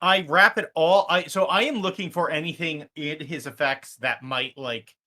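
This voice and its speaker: A woman's voice: low voice, normal speed, pushed and bright. A woman playing a tabletop role-playing game, casually describing what her character does.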